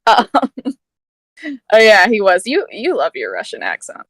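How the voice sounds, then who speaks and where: A woman's voice: medium pitch, wildly swooping pitch, measured pace, fairly bright tone, no echo. A woman playing a tabletop game, reading spell rules and talking hesitantly with fillers. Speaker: player.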